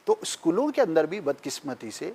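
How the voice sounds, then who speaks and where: A man's voice: fairly high pitch, sing-song, creaky, dark tone, slightly rough. A man, a talk-show guest, patiently lecturing with emphatic examples. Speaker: guest speaker. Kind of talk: explanatory talk-show discussion.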